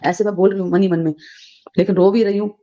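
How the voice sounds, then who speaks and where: A woman's voice: medium pitch, steady tone, fast talker, dark tone. A middle-aged woman telling a casual devotional testimony, chatty and full of fillers and restarts, addressing her listeners as sangat ji. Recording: dull lo-fi recording.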